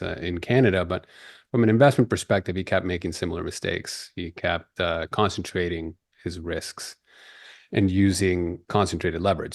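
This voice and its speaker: A man with a very low voice gives a podcast interview, laying out his background in a measured, explanatory way. His voice sounds dry and close to the mic, with no room around it. He is in his forties and grew up in Peru. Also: gravelly, no echo. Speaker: guest.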